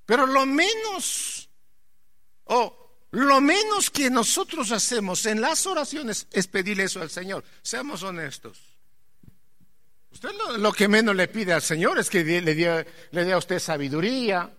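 A man preaching a sermon, impassioned and rising to near-shouts, putting questions straight to his congregation. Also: high-pitched, sing-song, unhurried. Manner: addresses the congregation directly with questions.

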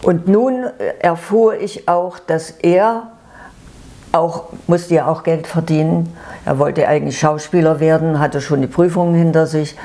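A sweet old lady in her nineties recounts her life in a dark, mellow voice. She speaks gently and haltingly, often pausing to find the word or repeating what she said. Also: low voice, fairly even intonation. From eastern Germany. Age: 90s. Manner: halting, searching for words, repeating herself. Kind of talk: unscripted personal life story.

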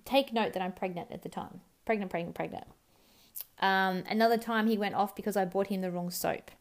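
A woman's voice: medium pitch, fairly even intonation, fairly quick. A young Australian woman telling a personal story candidly. She swears freely and mimics other people's words in short bursts. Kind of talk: personal story told to camera.

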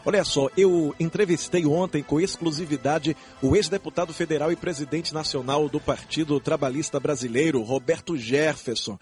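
A man reporting on the radio in a formal, measured way. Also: on the high side, a little mellow, faint music behind. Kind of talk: scripted news report.

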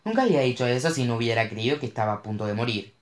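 A narrator voicing an anxious, dramatic teenage girl who wants to be a writer, with shrill, panicky outbursts. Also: animated, rapid-fire. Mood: defensive, pleading. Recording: roomy echo.

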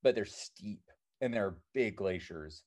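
Taking it slowly, the Seattle-raised, New Zealand-born American climber and filmmaker in his 30s gives loose, rambling interview answers full of "um" and "you know." As a guest his voice is on the low side, expressive, and darkish in tone.

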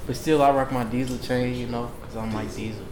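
A man's voice: mid-range voice, steady tone, brisk. A man chatting casually in slang, swearing freely and saying "bro" emphatically in nearly every sentence. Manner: profane, emphatic, says "bro" constantly. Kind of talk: casual, slangy hangout chat. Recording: echoey room, clear background noise.

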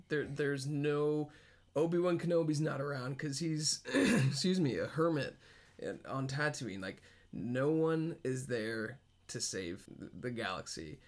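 A man co-hosting a podcast in casual fan chat, talking excitedly and rambling, with frequent laughs. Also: mid-range voice. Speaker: podcast co-host.

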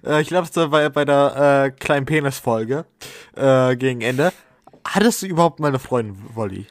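A man's voice: medium pitch, moderate pace, no echo, studio quality. A man co-hosting a podcast, teasing his friends and asking questions with small restarts. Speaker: podcast co-host. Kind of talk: casual podcast chat.

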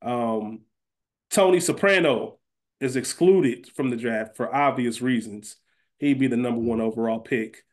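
A man with a medium-pitched, slightly mellow voice speaks at a measured pace. As a podcast co-host, he talks through a TV series in a casual, conversational, explanatory way.

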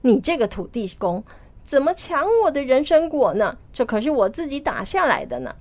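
A woman's voice: on the high side, animated, unhurried, no echo. Woman doing a bossy bragging monkey king, big swoopy voice. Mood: boastful. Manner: boastful, commanding. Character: boastful proud male monkey king.

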